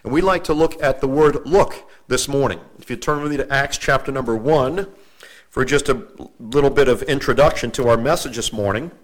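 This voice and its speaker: A man preaching a sermon, mixing folksy stories with slow, careful readings of scripture and correcting himself as he goes. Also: medium pitch. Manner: homespun asides and self-corrections, slows for scripture reading.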